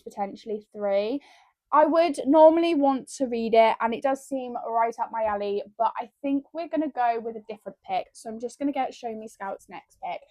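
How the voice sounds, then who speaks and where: A woman chatting casually to her viewers as a book vlogger, excitable and rambling, often calling them guys, in a room at home. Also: a little high, dry recording. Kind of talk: casual vlog chat. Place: room at home with window open.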